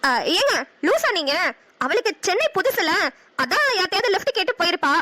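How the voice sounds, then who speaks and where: A woman with a Namakkal Tamil accent voicing a sharp-tongued, impatient young wife in a cartoon. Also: very high voice, big pitch swings, brisk, full character voice. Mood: irritated. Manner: snappy, dismissive.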